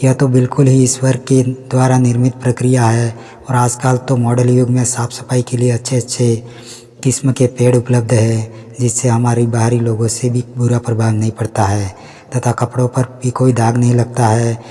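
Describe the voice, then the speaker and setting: Man voicing a calm young daughter-in-law, reasoning, mellow dark tone, storybook reading. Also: medium pitch, normal speed, in a large hall, natural voice. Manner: polite, reasoning, level delivery.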